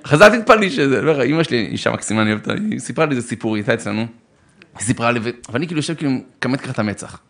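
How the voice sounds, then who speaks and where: Animated, expressive man. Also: mid-range voice. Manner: theatrical, acts out both sides of arguments, bursts into shouts; addresses listeners warmly as brother. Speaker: speaker giving marriage advice. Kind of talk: animated religious talk on relationships.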